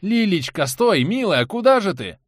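Man voicing a frantic, high-pitched young man. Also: sing-song, fairly quick, no echo, studio quality. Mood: desperate. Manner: frantic, pleading. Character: panicky young man, desperate.

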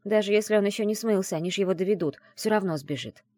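A woman reading an audiobook and voicing a brash, teasing young woman who is the heroine's best friend, talking in a loud, mocking, bossy way. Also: medium pitch, fast talker, no echo, clean studio sound, pitched above the performer's own voice, natural voice.

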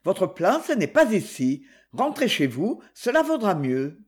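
A reader voicing a tall, calm, strong man who speaks placidly with quiet irony in an audiobook. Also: mid-range voice, measured pace. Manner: placid and ironic. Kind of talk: audiobook reading.

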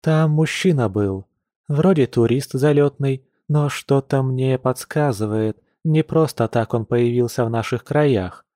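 A man's voice: medium pitch, a little slow, dark tone, no room sound, studio quality, lightly acted. A man voicing an ironic, sceptical young woman in an audiobook, lightly raised from his own voice. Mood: hesitant, tense. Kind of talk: audiobook character voice.

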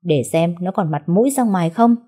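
A woman voicing a violent young husband who shouts and threatens his in-laws. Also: on the low side, expressive, fairly quick. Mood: mocking. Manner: loud, rough and threatening.

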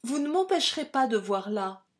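A woman's voice: a little high, very animated, moderate pace, pitched above the performer's own voice. A woman reading the part of a devoted, tender-hearted young woman, speaking in an emotional, insistent way, for an audiobook. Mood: indignant.

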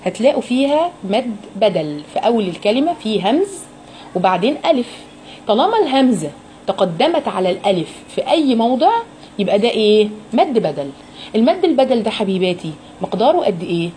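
Warm Egyptian woman teaching recitation. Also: on the high side, very animated, fast, slight background noise. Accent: Egyptian Arabic. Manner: explains patiently, asks her students questions and models each sound. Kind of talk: tajweed lesson for women.

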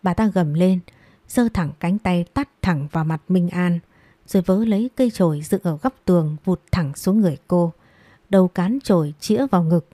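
A woman narrating a dramatic audiobook story in a measured storytelling manner, recorded close on a mic. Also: lowish voice, dark tone, no room sound.

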